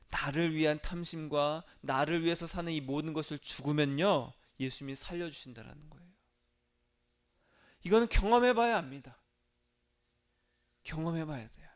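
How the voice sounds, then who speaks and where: A male pastor preaching a sermon earnestly, moving between hushed intimate passages and raised urgent appeals, acting out quoted prayers in his own voice. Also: a little high, smooth.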